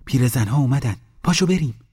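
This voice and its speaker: A man voicing a villager who urges a companion along in hushed, coaxing phrases. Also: mid-range voice, lively intonation, slightly rough, voice pushed up. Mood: urgent.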